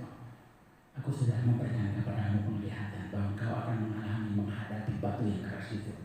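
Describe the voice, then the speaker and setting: A middle-aged man, a pastor, preaching a sermon with personal testimony, swinging between loud, high exhortation and soft, low confiding. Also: slight background noise. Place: large church hall. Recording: echoey hall, voice from far off.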